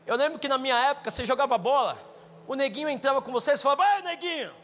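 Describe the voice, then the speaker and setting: A young Brazilian man with a Brazilian Portuguese accent preaching a jokey, animated sermon full of personal stories, sometimes rising to shouts. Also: extremely high pitch, racing, a little hiss or hum. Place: church stage with live audience. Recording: long hall reverb, faint music.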